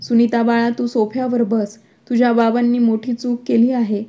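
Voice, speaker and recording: A woman's voice: a little high, little pitch movement, moderate pace, warm tone, lightly acted. A woman voicing a caring, indulgent middle-aged mother in a storybook reading. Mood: soothing.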